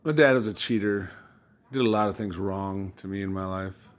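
Low-voiced man telling a rambling story. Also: fairly quick. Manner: loose storytelling with swearing and laughs. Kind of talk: casual rambling monologue.

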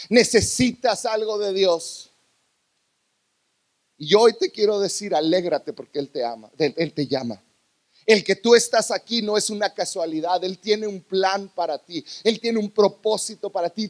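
High-voiced dramatic male preacher. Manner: dramatic, swinging from loud bursts to hushed lows. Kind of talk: sermon. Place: church before a congregation.

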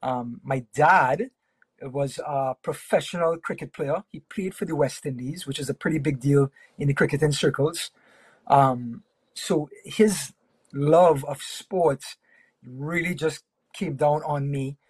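A man from Trinidad and Tobago, a sports broadcaster, talks easily as a guest, unhurried and amiable. His voice sits a bit high with a husky, breathy edge. The sound is dry and close. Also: no echo. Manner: relaxed, friendly, with fillers and pauses. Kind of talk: casual interview chat.

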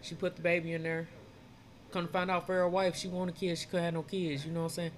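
A man with a fairly high voice spins an old tale in loose street slang, jumping into characters' voices as he goes. His delivery is animated and conversational, full of asides to his listener. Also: fast talker. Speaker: storyteller retelling Bible stories. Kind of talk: casual street-slang storytelling.

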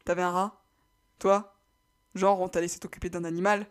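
A woman's voice: fairly low pitch, little pitch movement, normal speed, noisy background, lightly acted. A woman reading aloud and voicing a blunt, sarcastic young woman. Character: sharp-tongued young woman.

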